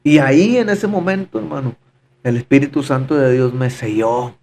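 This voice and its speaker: Speaking at medium pitch and normal speed, his voice a little mellow, this podcast guest gives his testimony over a slight hiss or hum. He's fervent and repetitive, frequently addressing his listener as brother.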